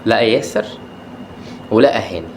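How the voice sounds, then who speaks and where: A man's voice: on the low side, lively intonation, moderate pace, a little hiss or hum. A man with an Egyptian accent hosting a football podcast, recapping a match in a casual way and asking the players the same exasperated questions again and again. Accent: Egyptian Arabic. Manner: exasperated, repeats his questions, rants at the players.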